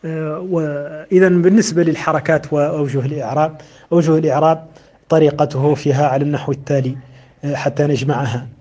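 A man's voice: fairly high pitch, warm tone. A man teaching the rules of a classical verse text on recitation, explaining them step by step with frequent hesitations.

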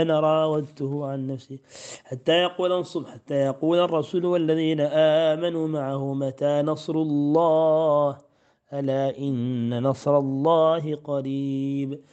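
A man teaching Quran recitation readings. He chants each verse slowly and repeats words to show how they are said, then gives brief, quick explanations. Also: fairly high pitch, warm tone, lo-fi sound. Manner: repeats words to demonstrate pronunciation. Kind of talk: recitation lesson.

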